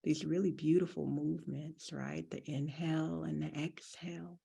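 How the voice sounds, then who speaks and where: In a breathing meditation, the teacher, a woman, uses a deep voice that is mellow and husky with a bit of fry. Her pace is unhurried, and she offers soothing guidance in a gentle, deliberate way.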